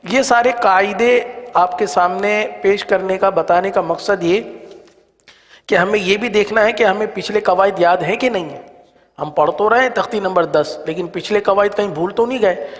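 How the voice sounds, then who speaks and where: A male teacher leading a beginner reading lesson, chanting syllables slowly in a sing-song way and explaining rules briskly between the drills. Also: sits high, big-room sound.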